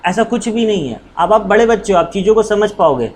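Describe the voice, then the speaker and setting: A man's voice: sits high, expressive, fairly quick, darkish tone, slight background noise. A male commerce teacher giving a casual, playful lesson, teasing his students and calling them "babu".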